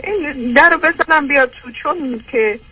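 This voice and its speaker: A woman's voice: high-pitched, pushed and bright, poor audio. An older woman calling in, rambling through an aggrieved personal complaint with many hesitations.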